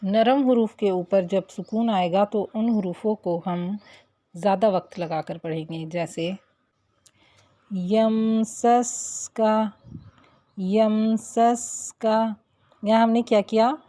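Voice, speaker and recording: Slow, patient woman teaching recitation. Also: mid-range voice, dark tone, no echo, studio quality. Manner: slow, patient explaining with drawn-out example syllables. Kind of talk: tajweed lesson.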